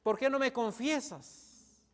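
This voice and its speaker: A man preacher voicing a coaxing woman in a sermon retelling, speaking softly and slowly. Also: very high-pitched, full character voice. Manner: soft, slow, coaxing. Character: soft, coaxing woman pleading with her lover.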